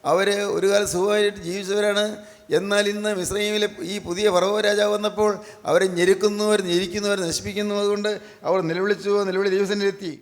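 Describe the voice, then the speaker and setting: A man's voice: high-pitched, level tone, fast. A man preaching a sermon, repeating his phrases and asking the listeners question after question. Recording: echoey hall with long reverb.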